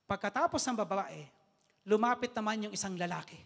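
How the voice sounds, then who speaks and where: A man preaching a sermon as a lay preacher, emphatic and stretched out with long pauses. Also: high-pitched, creaky, a bit bright. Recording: long reverb of a large hall.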